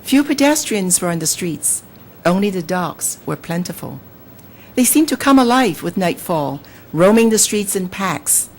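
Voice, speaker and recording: With a little hiss or hum behind her, a mid-range female voice belongs to a Hong Kong novelist whose native tongue is Cantonese. She's a guest who first reads from her book, sounding lively, then answers questions in a measured but hesitant style peppered with fillers.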